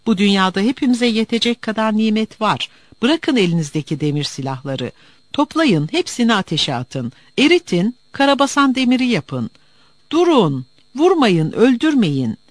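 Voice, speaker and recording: A man voicing a small boy who shouts and pleads for peace in a storybook tale. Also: high voice, very animated, moderate pace, dry recording, voice pushed up. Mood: desperate.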